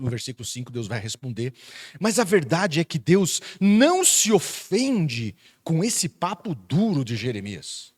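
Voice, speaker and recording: A Brazilian pastor preaches with fervor, his somewhat high voice climbing to loud emphatic peaks and then dropping to quiet, intimate asides. He speaks with a Brazilian Portuguese accent. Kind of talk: sermon.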